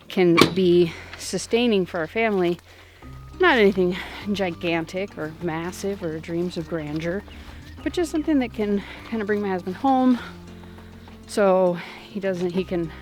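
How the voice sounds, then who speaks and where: Young woman, homestead vlogger; casual, scattered delivery, slightly winded, outdoors, low-ish voice, soft music bed. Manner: rambling, distracted, many fillers. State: slightly out of breath. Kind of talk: casual vlog talk.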